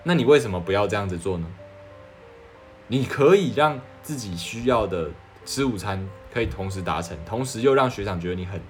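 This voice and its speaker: A man's voice: on the low side, animated, a little fast, faint music behind. A man. He is a young doctor giving casual advice, earnest and persuasive, often asking rhetorical questions. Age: 20s.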